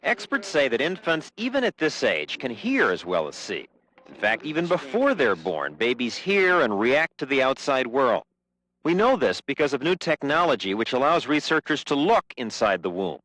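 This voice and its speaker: A man narrating a TV news report in a measured, explanatory way. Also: medium pitch, very animated, fairly bright tone, no room sound, rough recording.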